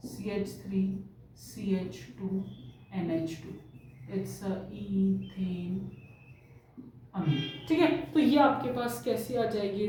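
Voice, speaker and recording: A woman from India teaching a chemistry lesson in a mix of Hindi and English, drawing out technical terms slowly as she writes. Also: medium pitch, mellow, a little hiss or hum. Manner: slow, stretches out technical terms while writing. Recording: very echoey room, voice far from mic.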